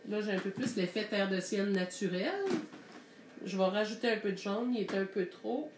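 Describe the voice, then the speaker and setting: A woman's voice: medium pitch, steady tone, moderate pace, echoey room, noisy background. Chatty Québécois woman teaching painting. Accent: Québécois French. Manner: thinks aloud while mixing paint, chatty and explanatory. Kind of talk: live online painting lesson.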